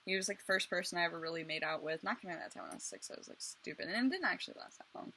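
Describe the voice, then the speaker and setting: A woman's voice: lowish voice, racing, sharp tone, slight background noise. A young woman telling her own life story in a casual vlog, blunt, crude and self-mocking. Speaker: vlogger.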